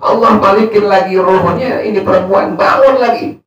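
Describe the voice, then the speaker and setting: Preacher, male, slightly high voice, reads Arabic then explains casually, distant mic, echoey room. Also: normal speed, fairly bright tone. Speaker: religious teacher. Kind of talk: Islamic study sermon. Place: prayer room.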